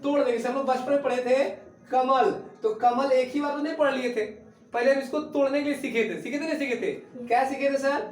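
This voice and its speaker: A man's voice: extremely high pitch, fast talker. A male teacher giving a classroom lesson, asking his students questions and repeating their answers. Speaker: Sanskrit teacher. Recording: echoey classroom recorded from a distance.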